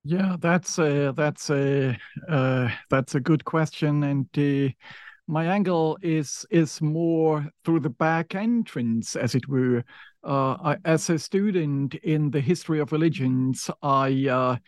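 A man's voice: fairly high pitch, slow pace, darkish tone, no echo, studio quality. A man who is not a native English speaker, answering interview questions with many hesitations and fillers. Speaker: guest, professor of religion.

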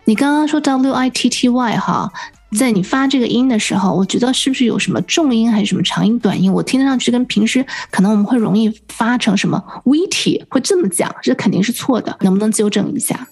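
A woman with a slightly husky voice hosts an English lesson show. She asks curious follow-up questions and echoes each answer back to the listener. Faint music sits under her voice. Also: fairly high pitch, expressive, fast talker, darkish tone. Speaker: host. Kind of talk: radio lesson host asking questions.

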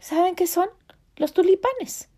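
A woman's voice: extremely high pitch, expressive, unhurried, mellow. An older woman hosting a podcast, giving casual, earnest advice on life and faith and speaking straight to the listener. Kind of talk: casual motivational talk with faith themes. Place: home, Illinois.

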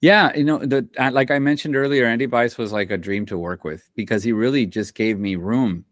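A composer for film and TV from Central America speaks briskly at a medium pitch, his casual interview captured cleanly in studio quality without echo. He rambles, restarts often and uses lots of slang.

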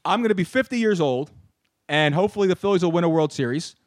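A man in his thirties hosting a casual sports talk show, animated and ranting, often repeating words. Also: high voice, fast. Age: 30s. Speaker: podcast host.

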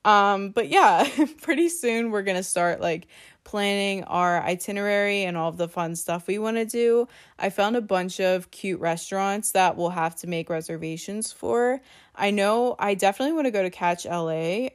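A woman in her twenties from the US East Coast hosts a casual solo podcast, chatting with plenty of "like" and "um." Her voice is fairly low and smooth, and she sounds slightly congested, as if a cold is coming on.

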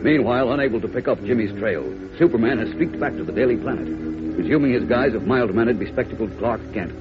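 A man's voice: mid-range voice, fast. A man narrating a 1940s radio serial as announcer, with dramatic scripted delivery. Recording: dull old radio recording with music.

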